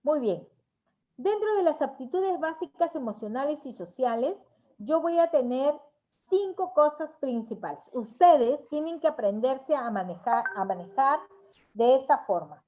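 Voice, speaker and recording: High-voiced woman teaching a parents' workshop. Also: lively intonation, unhurried, warm tone. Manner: conversational, acts out examples in quoted voices. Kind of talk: lecture to parents. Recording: dull lo-fi recording.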